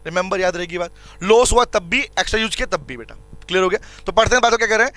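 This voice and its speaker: A man lectures on commerce law in a very high, crisp, bright voice. He explains with everyday examples, quizzes his students, and calls them beta. The sound is dry and close. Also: animated, no room sound. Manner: addresses students as beta and bhai, repeats points; reads English legal lines slowly and deliberately. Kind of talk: classroom lecture.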